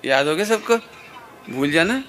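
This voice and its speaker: A man's voice: a little high, animated, moderate pace, heavy background noise. A man teaching at a children's camp, playfully coaxing the kids and counting out cues for call-and-response chants.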